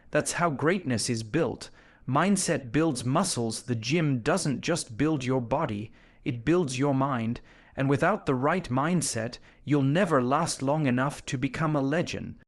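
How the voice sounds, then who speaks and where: A man delivering a scripted gym motivational speech as a speaker, emphatic and declarative, in short punchy phrases. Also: medium pitch.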